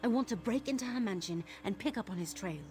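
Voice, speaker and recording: This is a young adult actress playing a video game's earnest young thief who is looking for her missing father. Her natural, fairly high voice is expressive and a little mellow, moving at a quick pace as she confides with worry and determination. Game music sits behind the dialogue.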